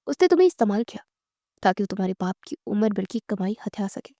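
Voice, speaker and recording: A woman's voice: medium pitch, big pitch swings, mellow, no room sound, clean studio sound. A woman voicing a young wife who is hurt, angry and defiant, in a raised, pleading tone. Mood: hurt, accusing.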